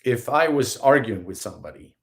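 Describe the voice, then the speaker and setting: A Swedish man hosting a live-streamed spiritual talk as a healer speaks briskly at medium pitch with vocal fry and a Swedish accent. His mid-range voice swings up and down a lot as he talks to listeners in an earnest, animated, conversational manner, repeatedly acting out short everyday scenes in quotes to illustrate his points.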